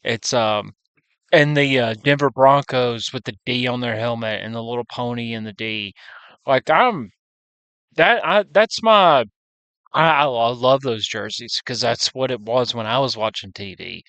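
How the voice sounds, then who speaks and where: A man's voice: medium pitch, unhurried, a bit bright, no echo. A man vlogging in a casual, unscripted monologue, rambling and often restarting or correcting himself mid-sentence.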